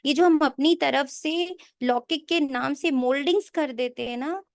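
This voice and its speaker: A woman spiritual teacher giving a sermon, slowly repeating key lines for emphasis and mixing in English phrases. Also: sits high, creaky, dry recording, studio quality. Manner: mixes English phrases into her talk. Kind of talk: sermon explaining a daily scripture reading.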